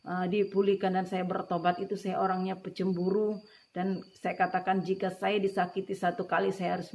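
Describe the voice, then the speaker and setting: A woman's voice: on the low side, darkish tone, a little hiss or hum. Woman giving an emotional church testimony. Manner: emotional retelling with frequent "ya" and "puji Tuhan"; addresses listeners as beloved brothers and sisters. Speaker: testimony speaker.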